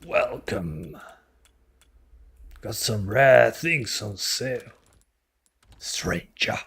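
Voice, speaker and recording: An actor playing a mysterious male video game merchant, slowly and slyly hawking rare wares. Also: on the low side, lively intonation, vocal fry, fairly bright tone, breathy edge, heavily acted.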